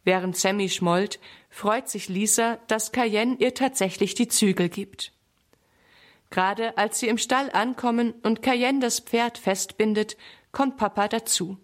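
A woman calmly narrating a scripted children's story. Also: medium pitch, a little slow.

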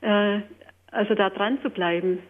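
A woman's voice: medium pitch, steady tone, measured pace. A middle-aged woman, a Franciscan nun, answering interview questions in a thoughtful, hesitant way. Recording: tinny phone line.

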